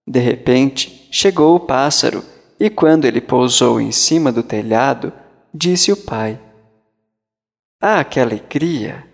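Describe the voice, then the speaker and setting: A man reading a fairy tale aloud in a slow, measured way. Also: mid-range voice, vocal fry, in a large hall. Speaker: storyteller.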